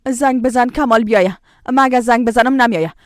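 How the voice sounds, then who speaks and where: Casting: a woman as an anxious pious mother, Tajik accent, higher voice, sighing, for a dubbed series. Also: dry recording, clean studio sound, close to an everyday voice. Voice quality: fretful and pleading, with many sighs. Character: worried middle-aged mother, pious, protective of her children. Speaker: mother and wife in a family drama. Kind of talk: dubbed television drama.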